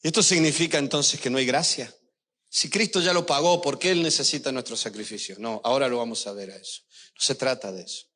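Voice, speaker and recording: Delivering a sermon from the pulpit, this older male pastor talks a little quickly in a bright, forceful, medium-pitched voice. His preaching is emotional and story-driven, aimed straight at the people in the pews.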